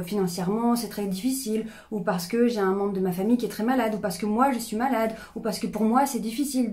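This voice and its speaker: A woman in her thirties talks straight to her viewers in a loose, expressive way, with hesitations and restarts. Her pitch sits in the middle of the range. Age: 30s. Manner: candid, expressive, with fillers and restarts. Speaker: personal development YouTuber. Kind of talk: casual talk to camera.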